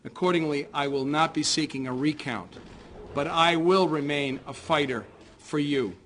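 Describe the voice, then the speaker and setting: An American man who is a political candidate delivers a prepared concession speech in a formal, measured, earnest way. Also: a little high, fairly even intonation, a bit bright, a little hiss or hum.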